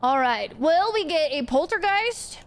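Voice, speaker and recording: Very animated yet unhurried, this young woman with a high-pitched voice livestreams a ghost-hunting game. She chats casually as she plays and welcomes viewers by name.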